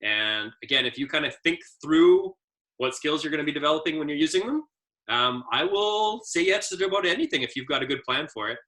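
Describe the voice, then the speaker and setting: A man's voice: fairly high pitch, lively intonation, brisk, pushed and bright. A man, an adaptive ski instructor trainer, giving a casual training presentation as an easygoing storyteller with many fillers.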